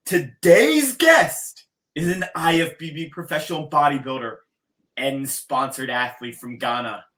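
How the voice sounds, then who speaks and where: A man hosts an interview podcast, drawing out words like an announcer in an emphatic, theatrical style during a showy guest introduction and casual interview talk. His mid-range voice has a fairly bright tone, and the recording is rough.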